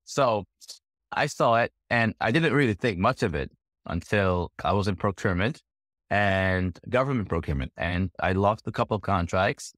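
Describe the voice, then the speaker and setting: A man from Guyana answering interview questions as a guest entrepreneur, relaxed and easygoing. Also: fairly low pitch, normal speed, no room sound, studio quality. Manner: relaxed, repeats "right?" and laughs easily.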